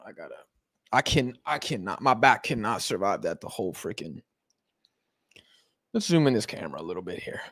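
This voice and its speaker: An American guy hosts a laid-back football watch-along from his couch at home, rambling and replying to chat comments as they pop up. His voice sits fairly low and a bit bright, recorded clean in a studio with no room sound.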